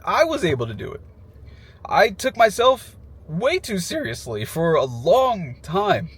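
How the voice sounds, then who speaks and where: A man speaking casually and emotionally in a heartfelt personal tribute, halting as he goes, sad in his farewell. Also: high voice, huge pitch swings, a bit bright, breathy edge. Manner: emotional, halting, with nervous little laughs breaking into phrases.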